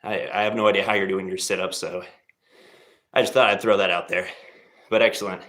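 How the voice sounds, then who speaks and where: A low-voiced man chats loosely on a live stream while he exercises at home. He wanders between jokes and offhand encouragement for his viewers. The room has a noticeable echo. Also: fairly even intonation, a little fast, a bit bright. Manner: laid-back, rambling, jokey encouragement. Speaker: livestream host leading a workout. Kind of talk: casual live-stream chat. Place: home workout space. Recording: roomy echo.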